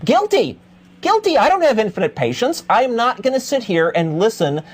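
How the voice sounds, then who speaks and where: A blunt co-host on a call-in show, with a mid-pitched voice that moves up and down a lot. The delivery is incredulous and sarcastic, in unscripted argument. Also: sing-song, a little fast. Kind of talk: argumentative unscripted talk with a caller.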